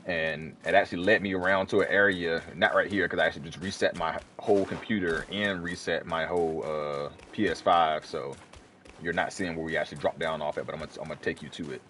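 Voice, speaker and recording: A man's voice: low-pitched, steady tone, brisk, sharp tone, a little hiss or hum. A man giving casual let's play commentary, rambling and correcting himself as he chats to the screen. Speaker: gamer playing through a video game.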